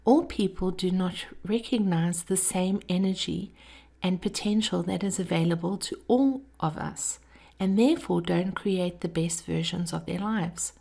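A woman with a fairly low, warm voice hosts a podcast, offering a scripted motivational monologue. She speaks intimately and with measured pacing, her breath-filled voice often lowering to a near whisper.

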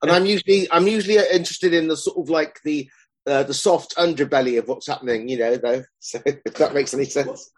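A man's voice: a little high, a little fast. Chatty man in his fifties. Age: 50s. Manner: rambling, chatty, self-deprecating. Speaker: guest, club promoter and songwriter. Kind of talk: casual chat.

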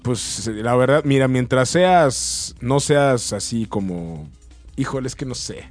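Relaxed, rambling Mexican man. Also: medium pitch, takes it slowly, soft background music. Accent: Mexican Spanish. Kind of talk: casual chat.

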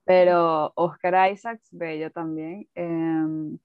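A woman's voice: fairly low pitch, level tone, slow pace, clear, resonant tone, dry recording. A woman in casual podcast chat, exclamatory and often trailing off while she hunts for words. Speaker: podcast co-host. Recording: dull, dry lo-fi sound.

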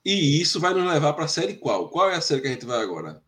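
A man's voice: on the high side, sing-song, quick pace, fairly bright tone. A man, commenting on a fan football debate show, hesitant and searching for words, sharply critical.

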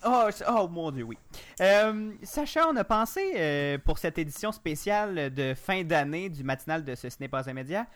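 A man's voice: on the high side, big pitch swings, normal speed, a bit bright. A man with a Québécois accent hosting a morning podcast, asking his guest questions in a chatty, joking way. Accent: Québécois French. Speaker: podcast host. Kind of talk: casual radio panel discussion.

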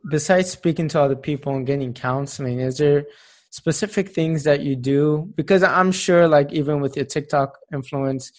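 Uomo intervistatore, tono incoraggiante, voce di altezza media. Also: male voice, mid-range voice, a little mellow. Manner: encouraging, frequent "mm-hmm" prompts. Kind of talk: interview questions.

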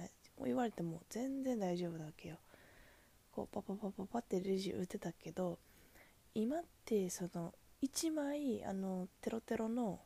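A woman's voice: medium pitch, creaky, dark tone, slightly rough. A woman with a Kansai accent, a cashier, venting in a chatty, exasperated way about customers at the register. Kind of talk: casual venting monologue.

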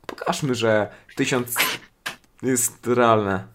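A man with a mid-range voice and drawn-out words co-hosts and owns the channel for a casual podcast, joking around, swearing freely and pleading for subscribers. There is noise in the background.

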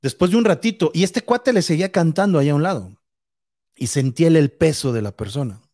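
Mexican male storyteller, higher voice, rambling ghost-story narration. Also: expressive, brisk, a little mellow. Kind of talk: casual spoken ghost story.

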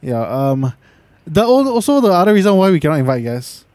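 Male podcast co-host, Singaporean accent, colloquial Singlish, slightly high pitch, close dry sound. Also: sing-song, a little fast, darkish tone, dry recording. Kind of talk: casual chat.

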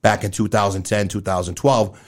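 A man in his fifties, an event promoter, speaks candidly and earnestly as a guest in a casual conversational interview. His voice is on the low side, steady in tone, at a normal speed.

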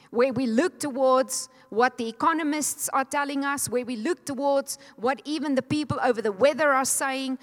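A middle-aged woman, preaching a fervent sermon and urging the congregation to answer back. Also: high-pitched. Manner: fervent, exhorting, leads the congregation in call and response. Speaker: pastor. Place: church sanctuary. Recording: long hall reverb.

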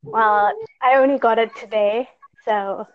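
A woman's voice: on the high side, expressive, unhurried. A woman with a Zimbabwean accent, chatting casually in a frank, lightly amused way. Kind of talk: casual chat. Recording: dull lo-fi app call audio.

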